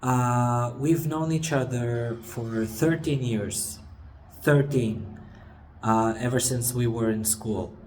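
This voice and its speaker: A man in his twenties talking casually and confessionally to camera, hesitant and halting, with trailing pauses, recorded in a stairwell. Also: mid-range voice, a little mellow. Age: 20s. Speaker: vlogger. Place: stairwell of an apartment building. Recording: echoey stairwell with background noise. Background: faint ambient building noise.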